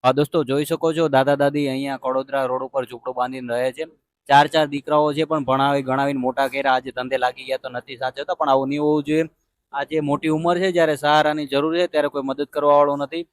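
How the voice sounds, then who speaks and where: A man hosting a charity video outdoors by a roadside, interviewing gently and reassuringly and making an earnest appeal to viewers. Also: mid-range voice, flat delivery, fast, dry recording.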